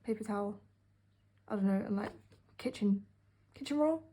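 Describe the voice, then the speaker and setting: A woman's voice: mid-range voice, normal speed, mellow, slightly rough. A young British woman from the UK narrating a casual sketchbook tour, rambling with many fillers and a sarcastic edge. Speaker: art vlogger.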